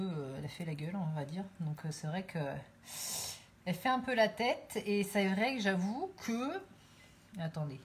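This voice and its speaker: A woman with a fairly low voice hosts a live cooking stream from her home kitchen, filling her talk with fillers and asides to her viewers. She speaks into her phone, and a faint hum of noise sits behind her. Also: darkish tone. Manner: chatty, rambling, many fillers, talks to viewers.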